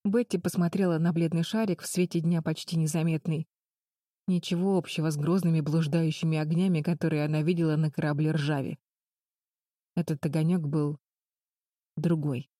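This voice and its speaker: A woman narrating a children's adventure audiobook in a calm, even storytelling manner. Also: sits low, moderate pace, dry recording, clean studio sound.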